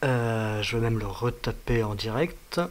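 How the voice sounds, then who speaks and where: A man presents a casual computer tutorial at his desk, his voice sitting at an ordinary middle pitch. He thinks aloud, pausing on fillers as he types out live examples. Faint keyboard clatter and mouse clicks run underneath. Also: fairly even intonation, slight background noise. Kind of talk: casual screen-share tutorial.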